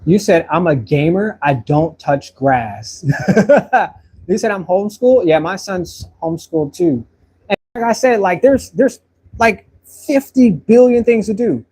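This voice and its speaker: A man in his thirties chats casually on a live stream as he paints and replies to viewers, sounding animated at a measured pace. His voice is somewhat high for a man, with a darkish tone and a breathy edge. He rambles in a friendly manner, frequently repeating words while searching for what to say.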